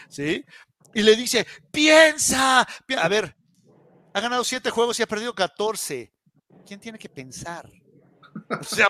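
A man's voice: sits high, pushed and bright, dry recording, studio quality. A Mexican man ranting on a live football show, sarcastic and indignant, asking "¿sí?" after nearly every point. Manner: indignant, sarcastic, says "¿sí?" often. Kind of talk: heated opinion rant.

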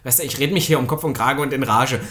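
A young man co-hosting a casual podcast chat, ranting quickly with crude jokes. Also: medium pitch, a crowd in the background. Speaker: podcast co-host.

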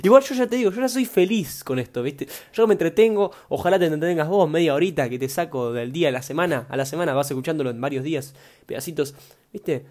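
A man's voice: on the high side, fast, darkish tone. A young man with an Argentine Rioplatense accent hosting a casual solo podcast, rambling and joking in slang and often repeating his words. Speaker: podcast host.

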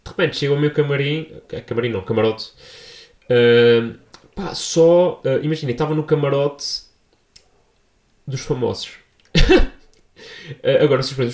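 A young man with a European Portuguese accent rattling through a story for his vlog, slangy and animated, never sitting still in one tone. His voice sits at a middle pitch. The sound bounces around an echoey room. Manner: animated, slangy, jumps into high-pitched voices for quoted people. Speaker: vlogger. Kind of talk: casual storytelling.

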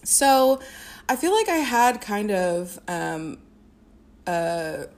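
In a casual podcast interview, a young singer and music therapist from the American Midwest talks very slowly at a medium pitch with big swings in pitch. She uses many fillers and keeps restarting her sentences.

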